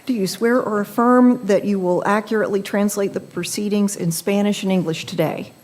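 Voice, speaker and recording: A woman presiding as judge, calling cases and ruling in a brisk, procedural manner, heard in a courtroom recording. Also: mid-range voice, fairly even intonation, darkish tone.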